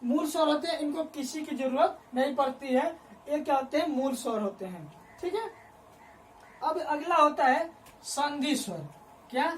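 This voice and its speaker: High-pitched woman teacher, slow repetitive dictation to a class, mic set back from her. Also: lively intonation, slight background noise. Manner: repeats phrases slowly for students to write down; asks the class questions and answers them herself. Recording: voice picked up from a distance.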